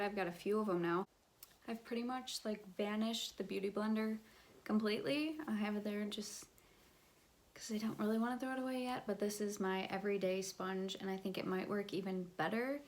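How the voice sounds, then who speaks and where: A woman talking casually through her favorite makeup and skincare products, chatty and full of fillers. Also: medium pitch. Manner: chatty, filler-heavy, enthusiastic recommending. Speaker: beauty vlogger. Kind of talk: casual product review vlog.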